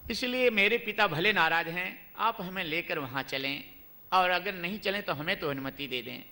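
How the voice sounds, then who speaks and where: A man's voice: high voice, normal speed, sharp tone, exaggerated voice. A man voicing a young goddess wife who earnestly pleads and insists with her husband. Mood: pleading. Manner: earnest, coaxing.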